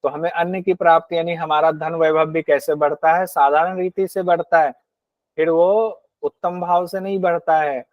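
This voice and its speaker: A man's voice: on the high side, fairly even intonation, moderate pace, no echo, phone-quality sound. A man teaching a Hindi lecture on scripture, explaining verses and asking and answering his own questions. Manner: acts out rude and grudging hosts in quoted asides.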